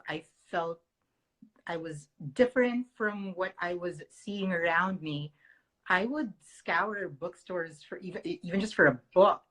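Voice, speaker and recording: A woman's voice: lowish voice, fairly bright tone, rough recording. A woman interviewing a guest, reflective and affirming as she responds. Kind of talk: conversational interview.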